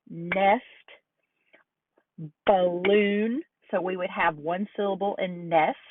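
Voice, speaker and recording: A woman giving a recorded lecture on early reading skills, slowing down to model sounds and words carefully. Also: medium pitch. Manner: slow, deliberate modeling of sounds. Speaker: teacher educator. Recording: dry, phone-like lo-fi audio.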